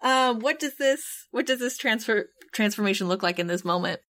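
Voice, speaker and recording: A woman's voice: a little high, expressive, normal speed, a bit bright. A woman running a tabletop role-playing game as game master, playful and laughing often, swearing casually. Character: Marco, a conflicted monster hunter.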